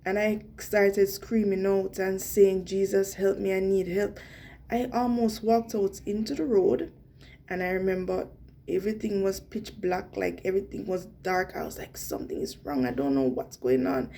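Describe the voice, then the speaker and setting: Jamaican woman with a gravelly, mellow voice. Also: medium pitch, moderate pace, a little hiss or hum. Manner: earnest, animated retelling with quoted dialogue and Jamaican patois slips. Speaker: vlogger. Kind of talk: personal storytelling.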